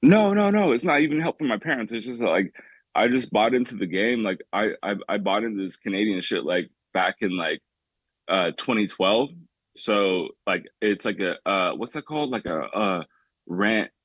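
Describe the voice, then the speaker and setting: On a talk-show call, a young Bay Area man with a voice on the low side wanders through his thoughts, peppering them with "like" and frequent restarts. His intonation is lively, his pace moderate, and there's no room sound.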